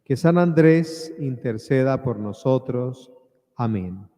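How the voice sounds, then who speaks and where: A male priest speaks solemn liturgical words in a mellow voice. His phrases come slowly, set apart by deliberate pauses. Each one rings out in a long cathedral-like echo. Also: mid-range voice, animated. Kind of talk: solemn liturgical prayer and preaching. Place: large reverberant church.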